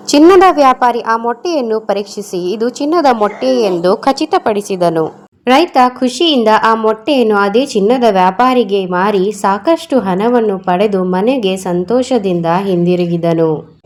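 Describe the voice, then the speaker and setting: This is a woman of medium pitch delivering a scripted lesson-teaching story to kids, paced carefully and told with expression.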